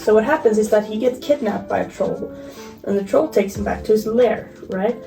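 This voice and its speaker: A woman from Norway, speaking English as a podcast guest, animated and giggly with many fillers as she tells a story. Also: medium pitch, a little fast, creaky. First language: Norwegian. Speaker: interview guest. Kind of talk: casual podcast chat, storytelling. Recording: distant mic with faint guitar music.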